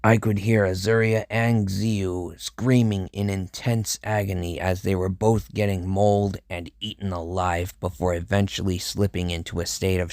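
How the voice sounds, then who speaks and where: A man narrating a first-person horror story in a measured, grim storytelling manner. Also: sits low, a little mellow, dry recording, studio quality.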